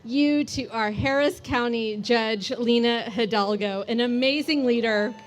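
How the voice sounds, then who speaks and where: A woman's voice: on the high side, measured pace, a little hiss or hum. Woman emcee with joking asides. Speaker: event emcee introducing the speaker. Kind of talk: speech introduction.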